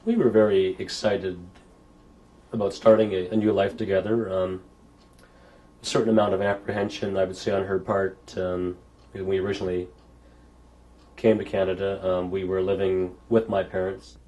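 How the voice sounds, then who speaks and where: A man's voice: sits low, level tone, moderate pace, long pauses, warm tone. A man recounting his family history in an interview, plain and hesitant with fillers. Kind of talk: candid interview recollection.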